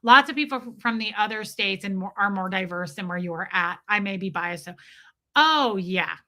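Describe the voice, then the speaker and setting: A livestream host with a Southern US accent from near Nashville chats casually with her viewers, reading comments and answering people by name, often restarting her sentences. Her mid-range voice is animated, bright and forceful at a moderate pace.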